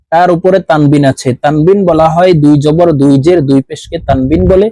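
A man teaching Quran reading, spelling out Arabic letters and vowel marks one syllable at a time, then saying each whole word slowly. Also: on the high side, warm tone, dry recording, poor audio.

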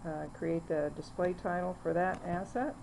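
A woman narrating a screen-recorded software demo, walking through the steps plainly with frequent fillers. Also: lowish voice, steady tone, normal speed, vocal fry, noisy background. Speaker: software demonstrator.

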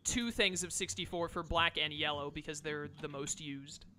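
A man's voice: a little high, fairly even intonation, normal speed, crowd noise. A man giving casual commentary to chat and friends while streaming a game. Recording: background noise, keyboard clicks and typing.

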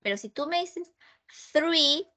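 An English teacher with a Peruvian Spanish accent runs an online class over a video call, her slightly high voice expressive and a bit bright. Patient throughout, she repeats points and pauses often with "ok?" to check everyone follows.

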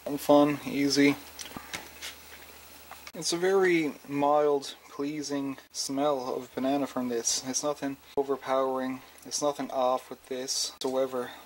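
Male food reviewer, mid-pitched, monotone, hesitant and unhurried, casual narration over faint noise. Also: rough recording. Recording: clear steady background noise.

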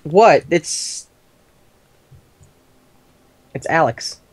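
A man co-hosting a game stream as commentator, goofy and jokey with deadpan asides. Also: a little high, extremely slow, slightly rough, no room sound. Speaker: co-host commentator. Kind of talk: casual let's-play chat.

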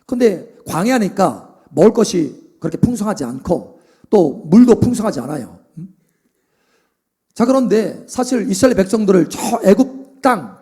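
A man's voice: sits high, dark tone, breathy edge. A man preaching a sermon as a pastor, emphatic, often checking in with the congregation and acting out quoted voices. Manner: acts out quoted voices of Moses and the people within the sermon.

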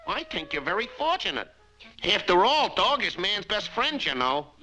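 A man voicing an unctuous, deadpan cartoon pet shop clerk. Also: sits high, moderate pace, faint music behind, full character voice, rough recording. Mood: smug. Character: smug slow-talking male pet shop clerk.

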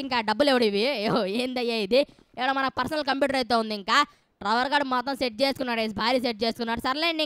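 Woman streamer, high bright voice, rapid playful gameplay commentary, dry close sound. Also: clear, resonant tone, dry recording. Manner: excitable, playful, talks straight to viewers.

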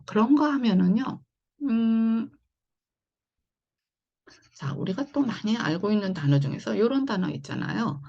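A woman teaches phonics in a patient, repeating way, and her voice has a gravelly, husky edge. Her pitch moves a lot as she explains each step. The recording sounds dull and lo-fi. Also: darkish tone. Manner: patient, repetitive explaining with frequent "자" and "네". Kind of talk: online phonics lesson.

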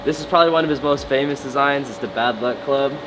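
A man's voice: medium pitch, fast talker, background noise. A young man hosting a casual vlog, joking and laughing as he shows things around a warehouse. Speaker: vlog host. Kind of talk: casual tour chat. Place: indoor warehouse.

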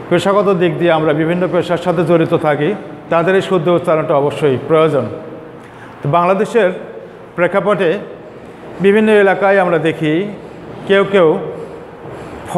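High-voiced man teaching in an echoey room. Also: a little hiss or hum. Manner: explains slowly, repeats words as examples. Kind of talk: classroom lecture on pronunciation. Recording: echoey room with faint ambience.

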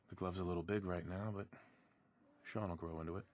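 A man playing an easygoing young father, deep-voiced. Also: fairly even intonation, moderate pace, dry recording, lightly acted.

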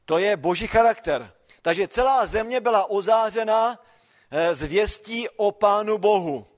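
Man preaching, slightly higher voice, quiet asides rising to emphatic calls. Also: animated. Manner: rhetorical questions, swings from quiet to emphatic. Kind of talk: sermon.

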